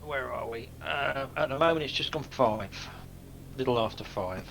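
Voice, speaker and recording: A man's voice: mid-range voice, normal speed, vocal fry, a bit bright, a little hiss or hum, low-quality recording. A man on a group voice call, dropping dry joking trivia. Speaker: flight sim group member. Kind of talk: casual voice chat.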